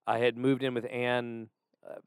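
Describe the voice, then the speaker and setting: An easygoing young man co-hosts a casual podcast, pausing on fillers as he talks. His voice is smooth and resonant, dry and close to the mic. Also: medium pitch, little pitch movement, no echo. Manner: easygoing, laughs often, hesitant fillers. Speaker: podcast co-host. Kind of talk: casual chat.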